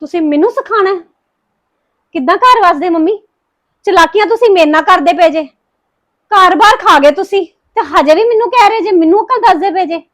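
A woman's voice: extremely high pitch, fairly bright tone. An actress playing a grieving young wife who bitterly reproaches her mother-in-law, with a Punjabi accent. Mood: bitter, accusing. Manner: reproachful, accusing, rapid complaints. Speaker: daughter-in-law Harpreet. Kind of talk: emotional family drama acting.

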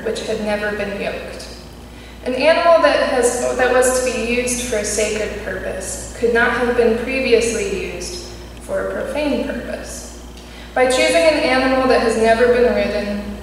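A young woman preaching a sermon from a pulpit, reading in a measured way. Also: on the high side, slight background noise. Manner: measured, read from notes at a pulpit. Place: church sanctuary. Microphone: pulpit mic at a distance. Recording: echoey church hall, distant mic.

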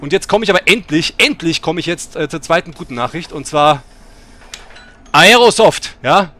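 A man's voice: fairly high pitch, fairly quick, sharp tone. A middle-aged man hosting a bus simulator let's play, chatting and breaking into sudden swearing rants. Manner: swears and rants in angry outbursts.

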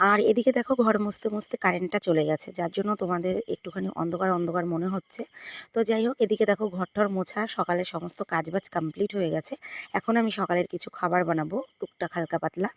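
Quick-talking hoarse woman, rambly chat from home, dry close sound. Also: mid-range voice, dry recording. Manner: chatty, rambling, with many fillers. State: hoarse from a cold. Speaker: vlogger. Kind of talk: casual home vlog chat.

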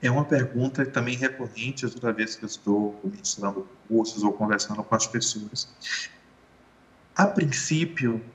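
A man giving a measured, explanatory talk in an educational conversation, often rephrasing himself. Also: medium pitch, fairly bright tone. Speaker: guest lecturer.

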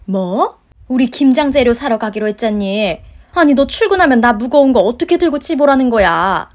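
A woman with a fairly high, natural voice speaks at normal speed, playing a pushy, guilt-tripping older mother-in-law in a story-radio drama. Her tone is nagging as she scolds, wheedles and sighs in complaint.

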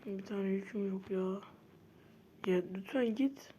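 A woman talks through her gameplay in a casual, chatty way. Her voice is soft and mellow rather than bright. She gets easily frustrated and often breaks into loud protests. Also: medium pitch, slow pace, slight background noise. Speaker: gamer.

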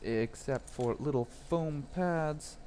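A man's voice: a little high, slow, a little mellow, a little hiss or hum. A young man chatting casually with viewers on a live stream while repairing a phone at his workbench, rambling and laughing as he goes.

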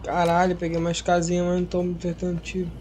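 A young man from Amapá, streaming and chatting casually with a teammate while gaming, slangy and excitable. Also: high voice, fast, soft background music. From Amapá, northern Brazil. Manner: slangy, excitable, bursts of loud shouting. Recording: noisy game stream audio.

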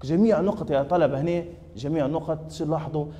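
A male math teacher with a Libyan Arabic accent runs a classroom lesson, firing questions at students and repeating their answers. His voice is dark and mellow, a little high for a man, and he talks fast. A long echo hangs in the room. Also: highs cut off.

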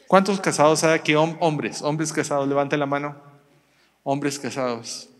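A middle-aged man preaching a sermon in a church, swinging between loud emphatic calls and soft personal storytelling. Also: fairly high pitch, fairly even intonation, normal speed, in a large hall. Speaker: pastor. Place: church sanctuary.

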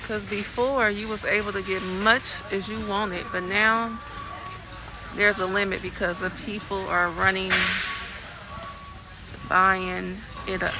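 In a slow, medium-pitched voice with fairly even intonation, a woman from California films a casual shopping vlog on a phone at arm's length, moving from her car into a big warehouse store. She narrates chattily and repeats items as she sees them. The recording is low-quality phone audio with loud store noise.

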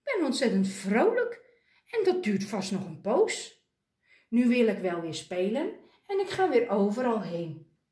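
A woman voicing a grumpy young male penguin who refuses to join in, speaking in a stubborn, drawn-out way. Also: medium pitch, sing-song, mellow, reverberant. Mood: cheerful.

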